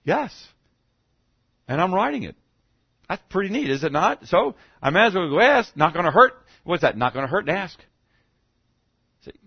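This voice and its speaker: A man delivers a sermon in a fairly high voice, talking casually and tossing rhetorical questions to his listeners. He stumbles into restarts now and then. The sound is dull and muffled, with a dry, close feel. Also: big pitch swings, a little fast, husky, no echo. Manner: conversational, frequent "okay?" check-ins and rhetorical questions; stammering restarts. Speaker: pastor.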